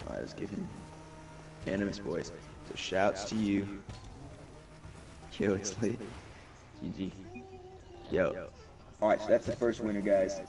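Young streamer with a gravelly voice. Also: male voice, lowish voice, fairly even intonation, unhurried, long pauses. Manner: hyped, slangy, reads chat aloud. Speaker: gaming streamer. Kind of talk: casual live-stream chat. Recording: distant mic under loud game music. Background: loud game music.

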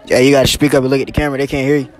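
A teenage boy filming a casual vlog at school, asking classmates quick questions in loud slangy banter. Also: mid-range voice, flat delivery, faint music behind. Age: teens. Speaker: student vlogger. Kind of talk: casual street interviews. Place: school hallways and outdoors. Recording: loud crowd chatter.

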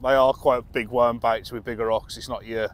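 A middle-aged British man speaks at a normal pace in a medium-pitched, steady voice while fishing off a dock by the sea at night. As an angler vlogger he keeps up a casual, chatty commentary that amuses him, and a camera on a tripod records it outdoors from some way off.

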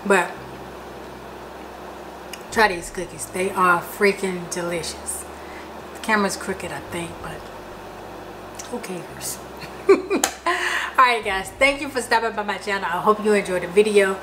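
A woman's voice: medium pitch, moderate pace. A woman from Georgia, chatting casually through a cooking vlog in her home kitchen. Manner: chatty, talks with her mouth full at times. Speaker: cooking vlogger. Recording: noisy home recording.

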